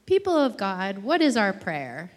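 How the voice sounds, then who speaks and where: A woman leading part of a church service, calling out slowly and clearly, her voice carrying a long cathedral-like echo. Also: medium pitch, wildly swooping pitch, a little hiss or hum. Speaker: leader calling children forward in a church service. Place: church sanctuary. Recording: distant voice in a reverberant church hall.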